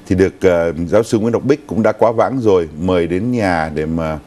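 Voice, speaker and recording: Older man, low voice, studio news talk. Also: warm tone. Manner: recounting, unhurried, with fillers. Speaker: co-host of a news talk show.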